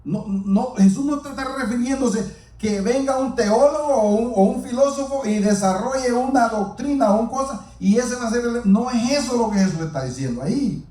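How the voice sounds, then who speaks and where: A man's voice: extremely high pitch, normal speed, warm tone. A man preaching a sermon, speaking earnestly and repeating himself as he addresses the congregation directly. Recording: roomy echo, mic far off.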